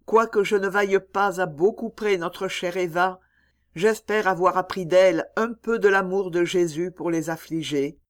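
A reader voicing a stern but kindly older woman who speaks with gentle, earnest reassurance. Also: mid-range voice, pitched above the performer's own voice, close to an everyday voice.

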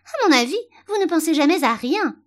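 A woman's voice: fairly high pitch, big pitch swings, moderate pace, voice pushed up. A woman voicing a prim, critical talking rose that speaks condescendingly and severely.

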